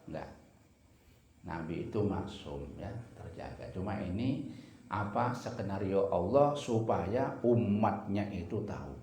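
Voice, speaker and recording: A man preaches a sermon in a low, gravelly voice. He tells stories, moving between loud emphasis and quiet asides. His voice booms around a very echoey room. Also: animated, measured pace, slight background noise. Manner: storytelling with dramatic swings in volume. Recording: heavy echo from a reverberant room.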